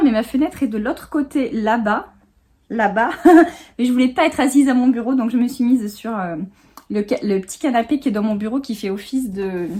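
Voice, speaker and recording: A woman's voice: a little high, a little mellow. Chatty, giggly woman unboxing at home. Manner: chatty, giggly, many fillers. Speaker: vlogger. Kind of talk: casual unboxing chat. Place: home office, seated on a small sofa.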